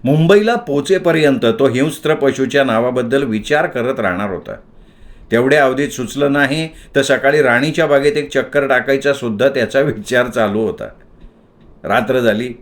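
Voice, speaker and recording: A man narrating a story aloud in an expressive, dramatic storytelling manner. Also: medium pitch, normal speed.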